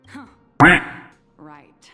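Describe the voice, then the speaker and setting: A woman's voice: drawn-out words, a bit bright, faint music behind. An actress playing a shrewd, confident businesswoman in a game, calculating and dry.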